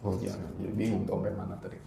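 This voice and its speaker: Man, casual religious talk; low voice, blunt and joking, slows down to stress points; echoey hall recording. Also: monotone, creaky, background noise. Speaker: religious study speaker. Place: indoor study hall. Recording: roomy hall, faint ambience.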